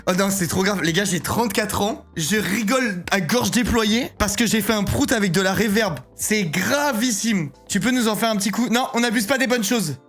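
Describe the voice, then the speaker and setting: A man in his thirties chatting casually on a live stream, excitable and rambling, often breaking into giggles. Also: high voice, moderate pace, few pauses, faint music behind. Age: 30s.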